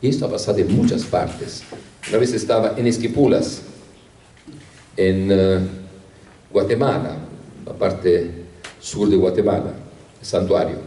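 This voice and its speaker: Older priest telling stories in an echoey hall. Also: male voice, low voice, a little slow, pauses often, mellow, slight background noise. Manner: storytelling with rhetorical questions and hesitations. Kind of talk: anecdotal talk to a congregation. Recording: echoey room from a distance.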